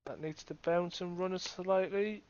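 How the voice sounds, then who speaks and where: A dull, lo-fi recording of a man with a high-pitched voice doing live snooker co-commentary. He is conversational and opinionated, freely giving his own verdict on the play. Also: fairly even intonation, normal speed. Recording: dull, lo-fi microphone sound.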